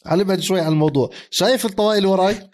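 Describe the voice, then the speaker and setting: A man, co-hosting a casual sports chat. He is animated, laughs often and mixes English phrases into his speech. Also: high-pitched, rapid-fire. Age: 30s. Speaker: podcast co-host.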